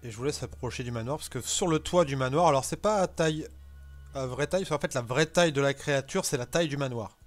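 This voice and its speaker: A man improvising narration as game master of a tabletop role-playing game, in halting phrases with casual asides. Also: mid-range voice, faint music behind.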